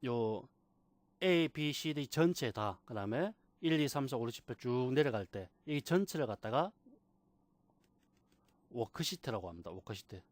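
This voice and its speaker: A man teaching a software class, patiently repeating key terms and asking rhetorical questions. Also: medium pitch, lively intonation, normal speed, no room sound. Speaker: computer instructor. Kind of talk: screen-recorded software tutorial.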